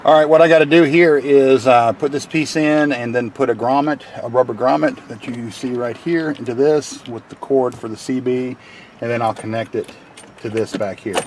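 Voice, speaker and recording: In a DIY video, a man works in or beside a vehicle, narrating each step in a casual, folksy hands-on tutorial. His medium-pitched voice is steady and darkish, his pace moderate, with a little hiss or hum on the recording.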